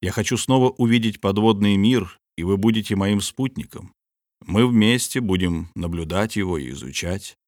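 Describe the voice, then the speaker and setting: Cold proud submarine captain, a man reading him, talks slow and firm, lowish voice, dry audio. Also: darkish tone, no room sound, close to an everyday voice. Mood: stern. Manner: cold, measured and authoritative.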